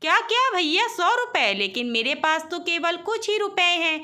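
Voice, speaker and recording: A woman playing a cheerful, gluttonous young wife from a storybook, high and bright, gushing over food. she pleads sweetly when she is scolded. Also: expressive, moderate pace, exaggerated voice. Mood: greedy.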